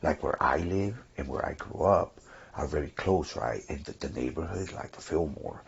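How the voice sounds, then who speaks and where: A man's voice: rumbling low, expressive, moderate pace, vocal fry, slightly rough, muffled recording. A man giving casual, joking gameplay commentary, swearing freely. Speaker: let's play commentator.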